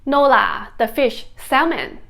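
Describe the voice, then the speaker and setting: A woman's voice: sits high, big pitch swings, slow, gravelly, fairly bright tone, full character voice. A woman playing a chatty Singaporean woman in a comedic skit, speaking colloquial Singlish with lah and meh. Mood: chatty, animated.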